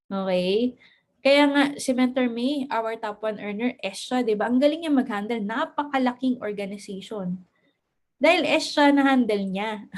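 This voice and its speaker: A woman giving a motivational lesson to her team as a mentor. She mixes English phrases into her talk, laughs often and stammers at times. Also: on the high side. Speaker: network marketing mentor.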